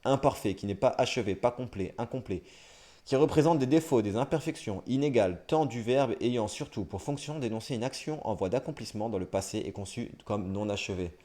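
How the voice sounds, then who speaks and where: A young man streaming live, reading dictionary entries aloud at a brisk clip and breaking off for wry, self-mocking asides. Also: mid-range voice, warm tone. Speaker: livestreamer.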